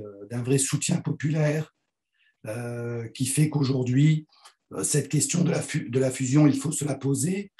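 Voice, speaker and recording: Hoarse man, dark mellow tone, halting academic delivery, frequent throat clearing, video call. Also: medium pitch. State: hoarse, croaky voice from a lost voice. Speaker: university professor and guest speaker. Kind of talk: academic talk, thinking aloud.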